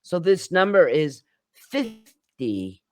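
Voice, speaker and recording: A woman with a deep, animated, somewhat slow voice teaches English pronunciation in a live online class, drawing out each example word as she demonstrates it.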